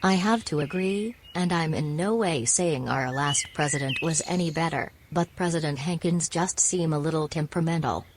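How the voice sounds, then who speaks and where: A woman voices a dry, teasing young cartoon student. Her voice is low, with clear noise underneath. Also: moderate pace, hardly any pauses, natural voice.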